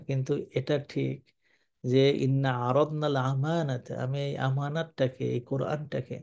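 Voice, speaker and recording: Older man, gravelly and mellow, animated Quran commentary. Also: mid-range voice. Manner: animated, with colloquial asides and Arabic recitation. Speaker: Islamic scholar giving Quran commentary. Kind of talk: sermon-style Quran commentary.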